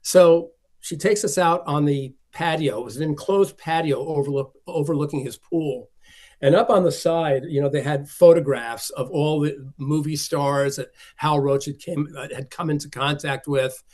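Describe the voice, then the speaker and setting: A man's voice: on the high side, normal speed, a little mellow. An older man, a film collector, chatting as an interview guest and telling rambling anecdotes full of acted-out quotes. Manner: rambling storyteller who acts out quoted dialogue.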